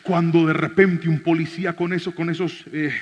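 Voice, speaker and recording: A man, a pastor, preaching a sermon and telling a personal story in an animated way, shifting from shouting to soft speech. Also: a little high, normal speed, in a large hall, highs cut off.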